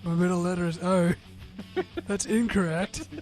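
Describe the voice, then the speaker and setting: A man co-hosts a casual chat podcast with dry, sarcastic humour. His voice sits noticeably high for a man. Faint music lingers in the background. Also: unhurried, darkish tone. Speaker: podcast co-host. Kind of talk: casual banter.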